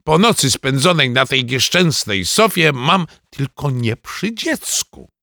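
A man voicing a flustered, defensive mother in a storybook reading, hushing and scolding. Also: medium pitch, sing-song, slow, dry recording, studio quality, voice pushed up, exaggerated voice.

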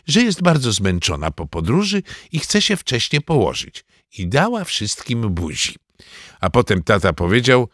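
A man narrating a children's storybook in an expressive storytelling manner. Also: lowish voice, no room sound, clean studio sound. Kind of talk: storybook reading.

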